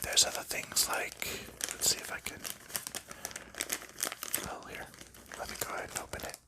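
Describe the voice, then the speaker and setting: The ASMR creator, a man, softly whispers about his board games in a show-and-tell. His delivery is unhurried and gentle, marked by frequent fillers.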